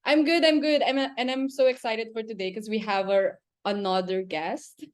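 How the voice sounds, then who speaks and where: Excitable high-voiced Filipino woman podcaster. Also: moderate pace, slight background noise. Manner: excitable, gushing. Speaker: podcast co-host. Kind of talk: casual chat, mixing in Tagalog.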